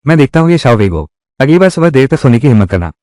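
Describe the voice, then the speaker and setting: A man's voice: mid-range voice, sing-song, very fast, darkish tone, no echo, clean studio sound, close to an everyday voice. A man voicing heated, scolding family quarrels in dubbed drama dialogue. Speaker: voice actor dubbing a village family drama.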